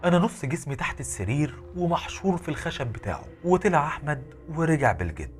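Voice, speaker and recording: A man with an Egyptian Arabic accent narrating a horror story in a dramatic, animated way. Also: a little high, fast, a little hiss or hum.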